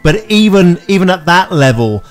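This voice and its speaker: English radio host, halting restarts. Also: male voice, high-pitched, sing-song, faint music behind. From England. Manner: chatty, halting with many restarts. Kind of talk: radio interview. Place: radio station.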